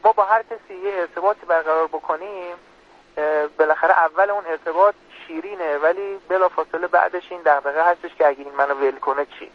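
A man's voice: fairly high pitch, steady tone. A man speaking as a religious guest, earnestly explaining a prayer on a radio program. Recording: dull lo-fi radio sound.

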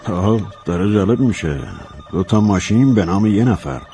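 A man playing a deep-voiced teasing detective. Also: dark tone, soft background music, natural voice.

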